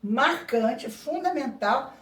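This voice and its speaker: A woman's voice: high voice, lively intonation, slow, a bit bright. A woman psychoanalyst explaining ideas in an interview, thoughtful and full of asides. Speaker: psychoanalyst guest. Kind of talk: reflective interview talk. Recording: echoey room, voice a bit far from mic.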